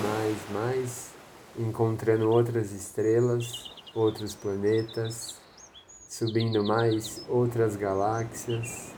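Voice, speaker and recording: A man with a Brazilian accent leading a guided meditation in a slow, soothing manner, with long pauses. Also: lowish voice, background noise.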